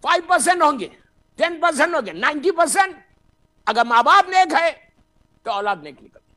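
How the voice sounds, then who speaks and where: A man preaches, his voice pitched very high and sharply bright. He delivers an impassioned sermon, slipping in English phrases and rising into loud shouted bursts. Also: very animated. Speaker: Shia cleric giving a majlis sermon.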